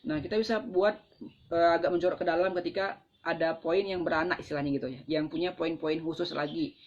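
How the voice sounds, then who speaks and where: Indonesian-accented mentor, casual conversational teaching, mid pitch, slightly lo-fi. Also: fairly even intonation, fairly quick. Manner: conversational, explains with acted examples, frequent fillers. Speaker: presentation skills mentor. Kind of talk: casual live-stream teaching talk. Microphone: phone. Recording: slightly dull lo-fi live-stream audio.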